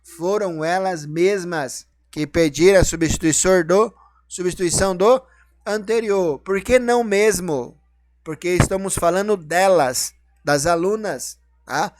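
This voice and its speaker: A man's voice: high-pitched, measured pace. A man teaching a grammar lesson, explaining each rule and then asking and answering his own questions.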